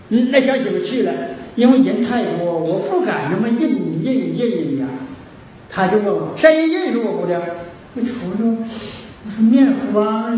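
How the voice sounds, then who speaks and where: A man's voice: sits high, darkish tone. A man with a Northeastern Mandarin accent tells stories in a folksy moral sermon, acting out the dialogue with broad animation. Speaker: moral teacher lecturing at a forum. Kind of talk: storytelling folk sermon. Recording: very echoey hall, distant mic, faint hiss.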